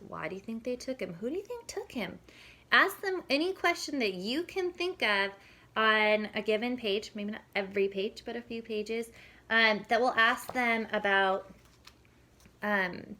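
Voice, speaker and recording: Speaking on the high side with a bright, forceful tone, a woman teaches parenting in a casual, chatty style. She explains things along the way and works through demonstration questions.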